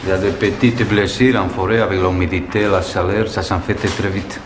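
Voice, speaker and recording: A man's voice: fairly even intonation, brisk. Stern Spanish-accented drill-sergeant instructor, man. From Spain. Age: 40s. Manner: stern drill-sergeant, goading with curt questions and blunt orders. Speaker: Foreign Legion chief warrant officer, instructor. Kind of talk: military instruction to trainees. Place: outdoors on a training course. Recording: noisy outdoor field recording with vehicle rumble.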